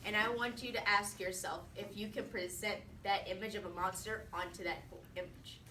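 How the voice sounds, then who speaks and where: A teenage student's medium-pitched voice moves at a moderate pace through her prepared, persuasive mock defense speech, with phrases repeated for rhetorical weight. It was recorded in an indoor classroom, with a roomy sound, distant mic, and faint background noise.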